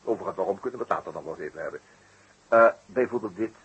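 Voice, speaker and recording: In a 1960s radio play, an actor voices a courteous, shrewd detective who talks hesitantly, asking deliberate probing questions. His voice is deep, husky, and fairly bright, heavily acted, and the audio quality is poor.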